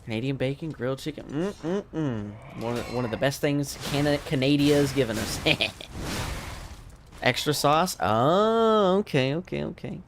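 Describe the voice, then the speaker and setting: A man's voice: mid-range voice, measured pace, background noise. A man from the United States chatting casually with viewers on a late-night game stream, tired and losing his voice. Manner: laid-back, rambling, chatting to viewers. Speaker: streamer and language teacher. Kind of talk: casual livestream chat while gaming.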